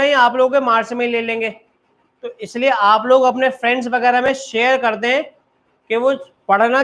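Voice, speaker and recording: A man's voice: very high voice, fairly bright tone. A man teaching a live online maths class, often checking that his students follow and urging them to keep studying.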